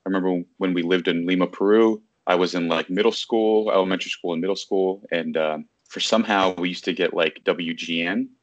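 A man in his thirties who covers baseball, originally from Virginia, speaks informally on a video call from his city apartment. He keeps a steady tone in a low voice, moving fairly quickly with few pauses; there's no echo but the audio is dull. His talk rambles, filled with fillers and frequent self-corrections mid-sentence.

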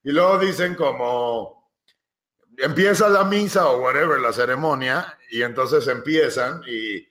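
A young man telling a story in a casual chat, animated and slangy, slipping into English phrases. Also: mid-range voice, a little slow. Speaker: podcast co-host. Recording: roomy echo.

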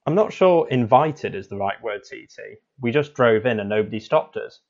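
A man as co-commentator on a spoof football show, with a deadpan, cynical pundit delivery. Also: medium pitch, moderate pace, lo-fi sound.

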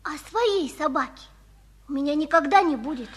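Earnest, very high-voiced little boy. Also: animated, normal speed. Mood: wistful. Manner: childlike, pleading, eager. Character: earnest, wistful seven-year-old boy longing for a dog. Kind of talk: 1950s Soviet radio play acting. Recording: 1950s radio drama recording.

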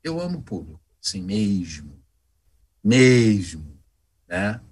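A man with a husky voice tells stories in a relaxed interview. His pitch swings widely and he slips in quick voices for the people he describes. It is casual, expressive talk. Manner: animated, acts out voices in anecdotes. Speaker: voice actor guest.

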